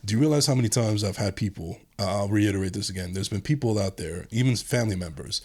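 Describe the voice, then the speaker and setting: Deep-voiced podcast guy, rapid-fire, says it how it is. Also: darkish tone, breathy edge. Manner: blunt, swears freely. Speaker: podcast host. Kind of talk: casual podcast conversation. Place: podcast studio.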